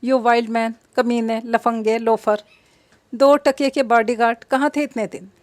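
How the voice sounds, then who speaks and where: A woman voicing a shrill, bossy rich girl. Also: level tone, takes it slowly, darkish tone, no echo. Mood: furious. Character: spoiled, hot-tempered rich young woman.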